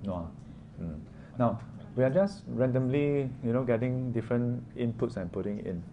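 A man's voice: mid-range voice, normal speed, lo-fi sound. A man with a Singaporean or Malaysian accent teaching a class informally, conversational and often tossing out short questions with local particles. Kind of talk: informal interactive lesson. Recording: clearly noisy room ambience.

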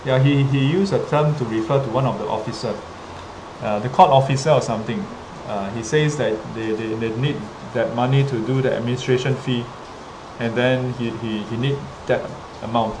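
A man with a Singaporean accent tells a story casually as a livestream host, pausing and repeating himself often as he talks to his viewers. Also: mid-range voice, fairly even intonation. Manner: hesitant, halting, with frequent pauses and repetitions. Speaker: livestream host, teacher addressing students. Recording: clearly noisy ambient background. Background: ambient noise, rain.

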